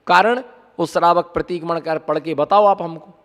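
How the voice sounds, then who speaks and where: A man's voice: a little high, moderate pace, a bit bright. A man, a Jain monk, giving a conversational sermon full of rhetorical questions to his listeners. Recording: long hall reverb.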